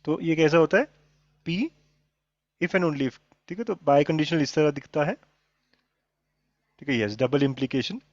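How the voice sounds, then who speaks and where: A man teaching maths live, mixing Hindi and English and coaxing his students along as he checks they follow. His voice sits somewhat high for a man. The sound is dull and lo-fi, with a dry, close feel. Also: a little slow, long pauses, no echo. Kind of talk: live online class.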